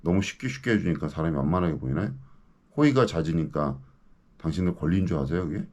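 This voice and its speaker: Here a local news commentator in his fifties launches into an indignant rant, again and again demanding his audience answer him. His voice sits low and a little mellow, expressive and fast.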